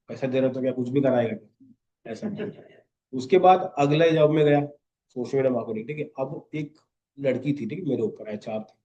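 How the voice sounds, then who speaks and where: A young man in his twenties telling candid, animated stories about his first jobs in a casual way. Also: mid-range voice, highs cut off. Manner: candid, animated anecdotes with frequent "theek hai". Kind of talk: casual storytelling.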